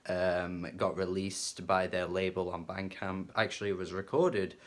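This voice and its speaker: Enthusiastic low-voiced male music reviewer. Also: fairly even intonation, a little slow. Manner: enthusiastic, chatty, with fillers and mild swearing. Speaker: album reviewer. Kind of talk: casual music review monologue.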